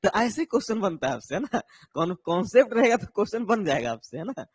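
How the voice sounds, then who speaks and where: A man's voice: high-pitched, big pitch swings, quick pace, breathy edge, dry recording. A man teaching an online exam-prep lesson, explaining patiently and often checking in with his viewers. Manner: explains patiently, tags lines with "है ना", answers viewers' comments.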